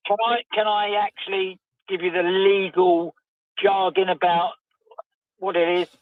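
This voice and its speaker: A man's voice: high voice, little pitch movement, unhurried, no room sound. Muffled male caller, as if down a well. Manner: chatty, joking. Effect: muffled phone line, as if down a well. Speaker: radio phone-in caller. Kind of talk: casual chat. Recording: tinny phone line.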